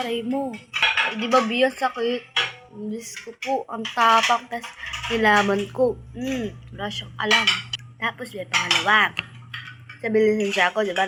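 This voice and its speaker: A woman's voice: fairly high pitch, fairly bright tone, a little hiss or hum, poor audio. A young woman vlogger chatting casually to her viewers, telling a storytime and calling them "be" and "guys".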